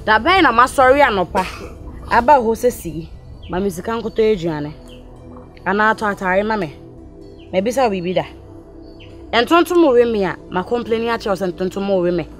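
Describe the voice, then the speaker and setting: A woman's voice: mid-range voice, animated, moderate pace, long pauses, faint music behind, natural voice. A woman playing an indignant Ghanaian girlfriend. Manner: indignant, complaining. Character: fed-up young girlfriend defending herself. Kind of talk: comedy skit acting.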